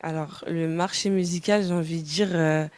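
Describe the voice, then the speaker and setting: A woman's voice: low-pitched, fairly even intonation, moderate pace, a little mellow. A young woman from France, a singer answering interview questions casually, hesitant with many fillers and restarts.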